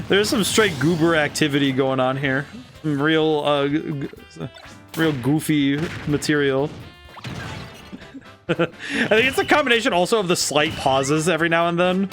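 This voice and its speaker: A man's voice: on the high side, measured pace, long pauses. Giggly man streaming games over music. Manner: chatty, giggly, self-correcting with frequent laughs. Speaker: streamer and game designer. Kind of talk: casual live-stream commentary while playing.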